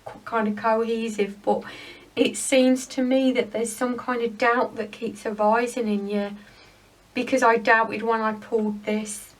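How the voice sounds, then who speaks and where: Woman card reader, higher pitch, gentle rambling rune reading, a touch off-mic. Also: little pitch movement, a little slow, distant mic, poor audio.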